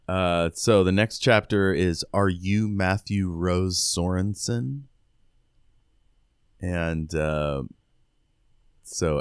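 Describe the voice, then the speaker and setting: A man with a smooth, low, clean, resonant voice co-hosts a book podcast. He casually recaps a novel, paraphrasing and raising questions, with some recap passages read out. The sound is dry, with no room echo.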